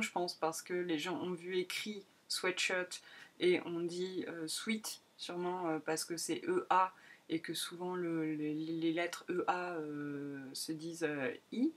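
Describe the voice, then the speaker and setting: Host, woman, 30s, from France. Chatty, hesitant, self-mocking, slightly low voice. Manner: rambling, many hesitations, self-mocking laughter. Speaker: podcast host. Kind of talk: casual solo podcast chat.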